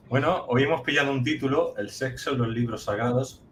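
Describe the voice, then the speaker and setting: A man from Catalonia with a light Catalan accent hosts a casual chat at a middle pitch. He jokes around and laughs often. Faint noise runs under his voice. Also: moderate pace. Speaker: host. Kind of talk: casual conversation.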